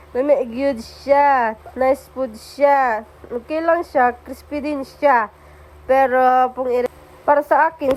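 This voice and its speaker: Young woman vlogger, high bright voice, chatty and teasing, casual unboxing talk. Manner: chatty, playful, teasing a partner on camera. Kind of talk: casual unboxing and taste-test vlog.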